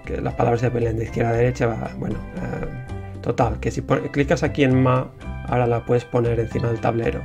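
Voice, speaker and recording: A young man with a Spain Spanish accent tells the story of his word game in a loose, easygoing way. He rambles with many fillers, at a mid pitch for a man. Soft music plays faintly behind him. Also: little pitch movement, fairly quick, vocal fry. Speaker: indie game developer. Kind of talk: casual talk on the history of his game.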